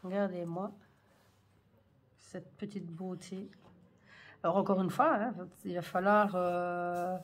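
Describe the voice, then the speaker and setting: Lady rambling thru a scrapbook haul, lots of euh, kinda low voice, a bit of room noise. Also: steady tone, takes it slowly, pauses often. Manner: hesitant, many fillers, gushing over cute items. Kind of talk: casual show-and-tell chat.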